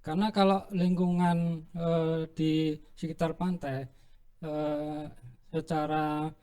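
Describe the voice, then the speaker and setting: A man's voice: fairly high pitch, level tone, takes it slowly, warm tone, rough recording. Hesitant male religious teacher. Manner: hesitant, many fillers and throat clearing. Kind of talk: interview answers.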